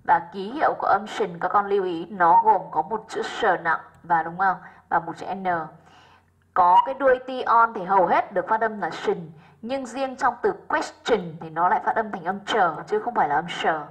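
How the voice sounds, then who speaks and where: A woman's voice: medium pitch, normal speed, husky. A woman English teacher going over exercise answers with her pupils, often checking in with rhetorical questions.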